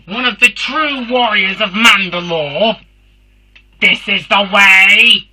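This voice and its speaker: A performer voices a Dalek, the robotic alien warrior, as host of a fan review show, using a harsh filtered voice with halting, emphatic delivery. The tone is sharp and medium-pitched, and the performance is heavily acted.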